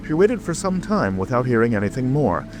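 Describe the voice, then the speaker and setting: A man's voice: medium pitch, big pitch swings, fairly quick. A man narrating a scripted storybook as an audiobook reader. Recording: music and rain ambience behind. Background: music, rain.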